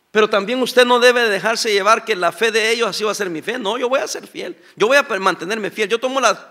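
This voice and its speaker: Middle-aged pastor guy, high bright voice, preaching a sermon, keeps asking the church if they're with him. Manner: preaching with call-and-response questions.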